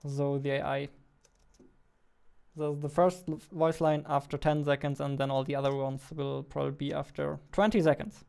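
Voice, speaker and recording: The 20-something indie developer chats as he works on his livestream, with a voice that's on the high side yet gravelly, darkish and clean, with little pitch movement at a moderate pace. He's in a small indoor home studio, close to a boom-arm studio mic.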